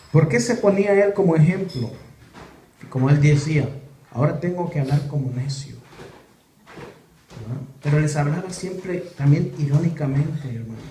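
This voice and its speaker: Pastor preaching in an echoing church. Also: male voice, on the high side. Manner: animated, asks the congregation many rhetorical questions. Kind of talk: sermon. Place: church hall. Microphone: camera or phone in the room. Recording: echoey church room, faint noise.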